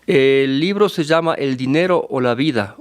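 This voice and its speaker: A man, a guest author answering interview questions in a relaxed, rambling way with asides. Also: medium pitch, normal speed, clean tone, no echo. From Ecuador.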